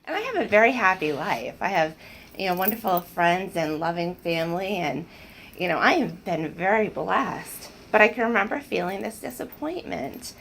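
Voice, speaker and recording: A woman's voice: fairly low pitch, lively intonation, moderate pace, vocal fry, a bit bright, slight background noise, rough recording. A woman telling personal stories in an earnest, emotional way, often restarting her sentences. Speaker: spiritual speaker sharing personal stories. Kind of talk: casual personal storytelling.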